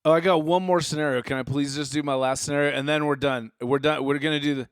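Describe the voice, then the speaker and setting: A man's voice: fairly high pitch, fairly even intonation, clean tone, dry recording, clean studio sound. A drunk man hosting a podcast, stumbling over his words and repeating himself as he explains. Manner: halting, repeats himself, giggly. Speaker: podcast host. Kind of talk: casual chat.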